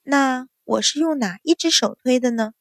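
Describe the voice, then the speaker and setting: A woman voicing a calm young eldest daughter, cool and faintly mocking. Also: high voice, moderate pace, vocal fry, no room sound, clean studio sound.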